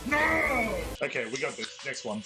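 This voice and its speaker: A man streams a game with loud, frustrated outbursts and plenty of swearing. His voice sits slightly high and swings widely in pitch. Game music plays behind him. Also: big pitch swings, normal speed. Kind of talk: gaming livestream commentary.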